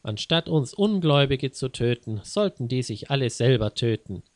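A man's voice: mid-range voice, big pitch swings, normal speed, no room sound, close to an everyday voice. A man voicing a clumsy middle-aged husband who grumbles and rants. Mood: ranting. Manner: grumbling, ranting.

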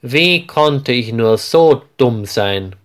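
A man voicing a stressed, irritable mother in a storybook reading, with a curt, gruff way of talking, slow paced. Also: mid-range voice, animated. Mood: ashamed. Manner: curt and gruff, then ashamed.

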